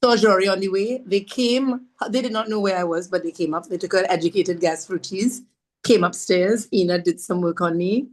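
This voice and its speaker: A woman tells her story as a podcast guest, speaking at a middling pitch. She is earnest and pauses often, and she brings others' words to life as she recounts them. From Trinidad and Tobago. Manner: halting, with fillers and restarts. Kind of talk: conversational personal storytelling.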